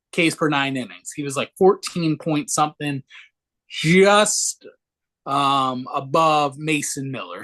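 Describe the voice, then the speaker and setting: A young man co-hosts a sports podcast in a loose, joking way, cursing often. His voice sits a bit high for a man. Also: a bit bright. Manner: brash, profane and joking. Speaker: podcast co-host. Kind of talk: casual sports podcast chat.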